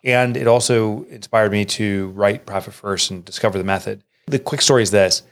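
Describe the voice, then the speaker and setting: A middle-aged man, an author and entrepreneur, telling a personal story in an interview in an earnest, emotional way, jumping up in pitch when he quotes people. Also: moderate pace.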